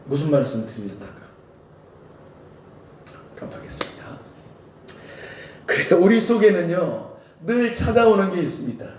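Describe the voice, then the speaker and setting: A man's voice: sits high, very animated, fairly quick, background noise. A male pastor with a Jeolla Korean accent preaching a sermon in a church sanctuary, talking conversationally and asking the congregation rhetorical questions. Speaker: senior pastor. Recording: very echoey church hall, distant mic.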